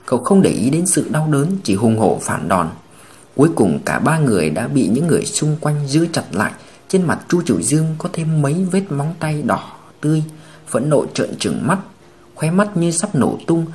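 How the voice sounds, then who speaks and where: A man's voice: a little high, moderate pace. A man narrating a crime novel as a dramatic audiobook reading. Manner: expressive, dramatic.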